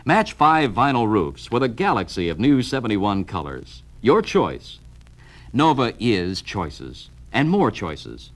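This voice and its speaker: With a lowish voice, big pitch swings and a slow pace, an American man narrates a car dealer training film. He reads the scripted promotional copy in a punchy, emphatic salesman's manner, heard from a vintage 1970 record with music in the background.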